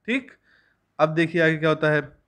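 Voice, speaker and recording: A young man gives a school lesson. His voice sits a little high. He reads each English line slowly, then explains it at length. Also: a bit bright. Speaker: teacher.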